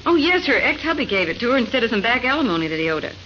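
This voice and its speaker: Plucky bright-voiced detective's girl assistant. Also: fairly high pitch, sing-song, rapid-fire. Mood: curious. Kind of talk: mid-century American radio drama acting. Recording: muffled, noisy vintage radio recording.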